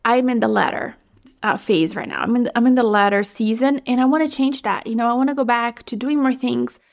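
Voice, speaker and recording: A woman's voice: fairly high pitch, fairly quick, creaky. A young woman hosting her own podcast, talking casually and a little out of breath, with lots of "you know" fillers. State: slightly out of breath. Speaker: podcast host. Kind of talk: casual solo podcast monologue.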